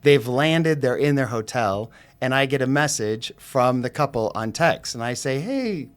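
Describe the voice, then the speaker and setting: A middle-aged man talks at an ordinary mid pitch, spinning a story with lots of "uh"s and restarts. He sounds like a realtor guest chatting on a podcast, animated and unpolished. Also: normal speed, smooth. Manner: animated anecdote-telling with frequent fillers and laughter.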